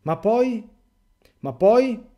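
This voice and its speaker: A man's voice: sits high, lively intonation, drawn-out words, mellow, pitched above the performer's own voice, exaggerated voice. A man reading aloud as a young apostle who is weeping with grief and fear, pleading in a raised, urgent voice. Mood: fearful, weeping.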